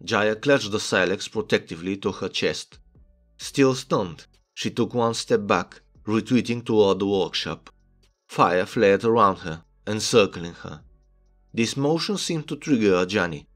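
A man's voice: fairly low pitch, lively intonation, unhurried, a bit bright. A man narrating a video essay, making his analytical case and reading story excerpts aloud. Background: background music.

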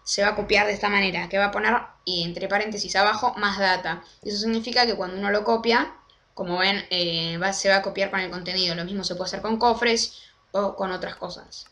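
A young woman, casually walking through a game tutorial step by step and slowing down to spell out commands. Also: mid-range voice, steady tone, bright, forceful tone. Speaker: Minecraft tutorial creator. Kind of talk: casual screen-recorded tutorial.

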